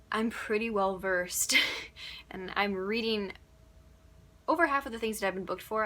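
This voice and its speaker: This young woman, an audiobook narrator from upstate New York, has a medium-pitched voice that sounds pushed and bright. She chats her way through casual Q&A answers, giggling a little and saying um a lot.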